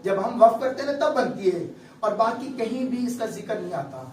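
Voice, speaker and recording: A man's voice: sits high, expressive, a little mellow. A male recitation teacher giving a patient classroom lecture, explaining step by step and checking often that his students follow. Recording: echoey room, distant mic, faint background hum.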